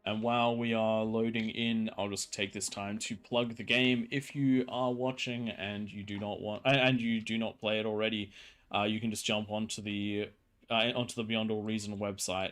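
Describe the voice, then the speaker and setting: A man with a fairly low voice hosts a game livestream. He explains and chats casually, often stopping to rephrase. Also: fairly even intonation, moderate pace, fairly bright tone. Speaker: stream host, commentator.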